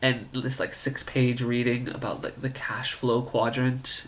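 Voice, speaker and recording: A man's voice: mid-range voice, little pitch movement, a little slow, fairly bright tone, slight background noise. A man in his twenties casually telling a story about his own life, rambling and full of "like" and "you know". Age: 20s. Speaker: college student storyteller.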